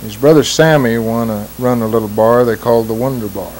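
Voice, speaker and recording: A man's voice: mid-range voice, fairly quick, a little mellow, rough recording. A middle-aged man with an American West accent and a plainspoken cowboy twang, telling stories and reciting rhymed cowboy poetry. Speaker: cowboy poet. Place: small wood-panelled room indoors. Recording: hissy old home video sound.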